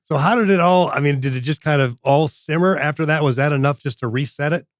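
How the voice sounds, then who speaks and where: Man, podcast host, very quick pace, mid-range pitch, casual interview chat, dry sound. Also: dry recording.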